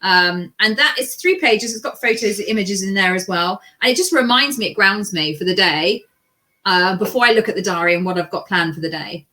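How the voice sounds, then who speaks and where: A woman with a bright, forward voice talks as an interview guest. Her chat is casual, reflective and earnest. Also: medium pitch, lively intonation, brisk.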